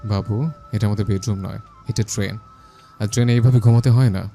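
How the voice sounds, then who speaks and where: An actor playing a young husband who gently coaxes and apologizes to his wife in an audio drama. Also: lowish voice, fairly even intonation, brisk, faint music behind, close to an everyday voice. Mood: coaxing. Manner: gentle, pleading. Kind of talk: Bengali audio drama acting.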